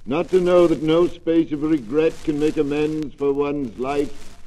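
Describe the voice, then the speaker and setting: A man voicing a hushed, solemn ghost. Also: a little high, a little slow, pitched above the performer's own voice, poor audio. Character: mournful male ghost of a dead miser. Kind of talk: storybook reading.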